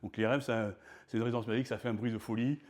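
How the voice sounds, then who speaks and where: A man giving a performed storytelling talk on stage, conversational and self-mocking, halting with restarts. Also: medium pitch, fairly even intonation, darkish tone, a little hiss or hum. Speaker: speaker. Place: stage before an audience.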